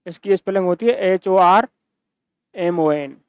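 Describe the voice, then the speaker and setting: Speaking with a Rajasthani Hindi accent, a man teaches a recorded science lecture, restating important terms and answering his own questions. He has a high, smooth, slightly mellow voice and keeps a measured pace, with no room sound.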